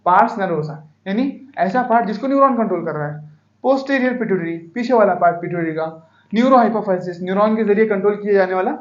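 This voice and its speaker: A man's voice: sits high, quick pace, reverberant, highs cut off. A male biology teacher giving a classroom lecture in Hindi, repeatedly asking students to call out the answers. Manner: quizzing students with repeated call-and-response questions.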